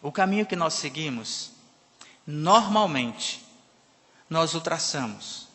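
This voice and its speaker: High, bright-voiced preacher in a reverberant church. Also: male voice, lively intonation, slow pace. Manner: emphatic, with sudden swings between loud and soft. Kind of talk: sermon. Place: church sanctuary. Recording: long reverb of a church hall.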